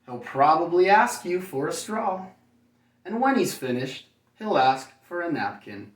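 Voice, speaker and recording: Heard from a distant microphone in an echoing room, a man with a voice on the high side and big pitch swings reads a picture book to children at a measured pace. He sounds like a kindergarten teacher, often stopping for chatty, folksy, playful remarks.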